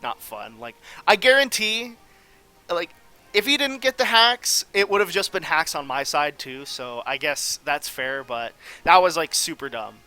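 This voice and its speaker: A gaming video host with a high, pushed, bright voice offers casual, off-the-cuff commentary on a game, rambling and analyzing as he thinks out loud.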